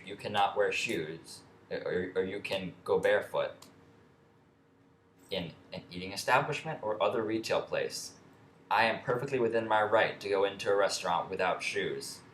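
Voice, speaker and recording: A young man with a low voice tells a story in a loose, rambling way, swearing freely and restarting his sentences often. He is recorded in an echoey room with a faint hum of ambience behind him. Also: moderate pace, a bit bright. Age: young adult. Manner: rambling, profane, with many restarts and fillers. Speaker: vlogger. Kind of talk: casual storytelling rant.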